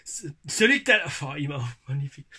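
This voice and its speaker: A cheeky male fan with a broad, put-on Québécois accent, as a man reads his comment aloud. The voice sits up higher and pushes forward with a husky, forceful edge. It is loud, hearty and full of teasing. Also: very animated, fairly quick, exaggerated voice. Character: cheeky male Quebec viewer reading his own comment.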